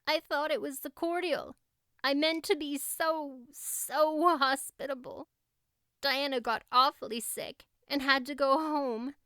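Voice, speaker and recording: A woman's voice: sits high, steady tone, slow, a bit bright, dry recording, studio quality, pitched above the performer's own voice. A woman voicing an earnest, melodramatic young girl in an audiobook, effusive and plaintive in manner. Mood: earnest, upset. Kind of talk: audiobook character acting.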